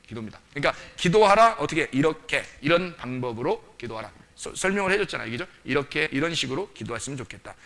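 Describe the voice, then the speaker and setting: A male pastor delivers a lively sermon at a quick clip. His voice sits a little high, with a bright, gravelly texture. He keeps asking the congregation questions and acts out the voices he quotes.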